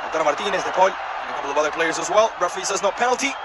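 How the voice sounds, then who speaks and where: A man doing live play-by-play football commentary in an excited manner, shouting players' names and goals. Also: high voice, rapid-fire. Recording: loud stadium crowd noise behind voice. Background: roaring football crowd.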